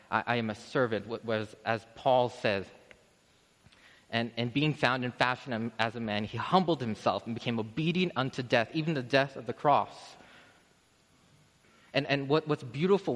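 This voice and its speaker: A man preaching a sermon in a church, casual and conversational, restarting sentences and building to emphatic peaks. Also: medium pitch. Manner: conversational, self-interrupting, rising to emphatic peaks. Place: church sanctuary. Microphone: podium microphone. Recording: long church reverb.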